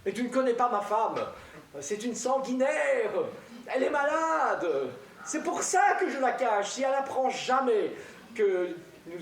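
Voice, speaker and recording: An actor on stage playing a flustered, evasive husband who is hurried and keeps brushing people off. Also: male voice, very high voice, animated, exaggerated voice. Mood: flustered pleading. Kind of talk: stage comedy acting. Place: theatre stage. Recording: echoey theatre hall from a distance, faint noise.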